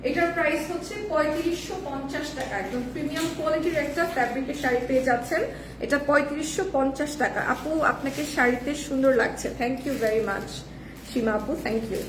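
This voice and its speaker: Hoarse woman host, chatty live seller, high voice, recorded from a distance with noise behind. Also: a little fast, reverberant. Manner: chatty, reads viewer comments, mixes in English. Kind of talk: live-stream saree selling.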